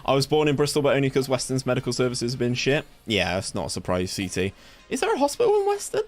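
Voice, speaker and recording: This young gaming streamer, an Englishman with a West Country accent, chats casually while he plays and reacts aloud to viewers in a home room cooled by a fan in summer heat. His mid-range voice is sing-song and quick-paced, with faint music behind.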